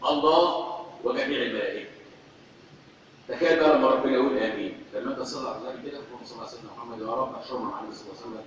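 A man's voice: medium pitch, rapid-fire. A man preaching with an Egyptian accent in a fervent, repetitive sermon style, addressing his congregation. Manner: fervent, repeating phrases for emphasis. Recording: echoey hall, distant, dull.

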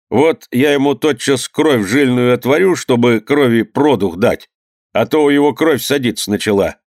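A man's voice: mid-range voice, darkish tone, dry recording, clean studio sound, voice pushed up, lightly acted. A man doing a folksy old healer.

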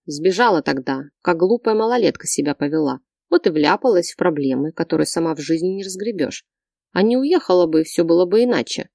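A woman reading the part of a domineering, threatening man in an audiobook, lowering her voice and speaking curtly. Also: animated, fairly quick, vocal fry, darkish tone, dry recording, clean studio sound. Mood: menacing. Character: domineering controlling man, young adult, cold and threatening.

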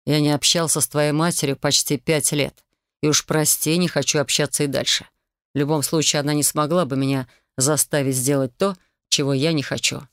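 A woman doing a calm, teasing male dragon. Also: low-pitched, fairly quick, no echo, clean studio sound. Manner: calm, teasing, soft and coaxing. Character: calm, self-assured male dragon in human form. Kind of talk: audiobook character voice.

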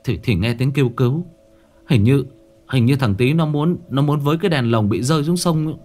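A man's voice: mid-range voice, moderate pace, a little mellow, faint music behind, pitched above the performer's own voice, natural voice. A man voicing a frightened village boy who stammers and trembles as he explains, in a spoken ghost story. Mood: scared. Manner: stuttering, trembling.

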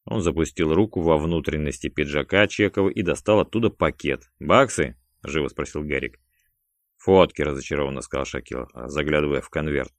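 Deep-voiced male audiobook narrator. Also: fairly even intonation, fast, hardly any pauses, no room sound. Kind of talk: scripted crime fiction narration.

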